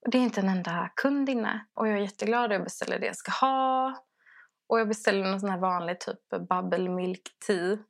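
A woman's voice: mid-range voice, gravelly. A woman, co-hosting a casual podcast chat, telling a story with lots of laughter and acted-out voices. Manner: animated storyteller, acts out quoted voices, laughs often. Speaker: podcast co-host.

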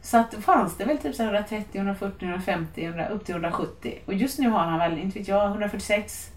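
A woman's voice: medium pitch, recorded from a distance. Wry woman, off-mic in an echoey room. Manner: wry, joking, laughs often. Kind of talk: casual chat.

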